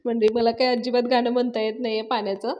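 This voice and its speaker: Woman reviewer, high voice, chatty casual recap narration. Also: little pitch movement, fast, a little mellow, muffled recording. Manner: chatty, laughs along. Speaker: serial reviewer.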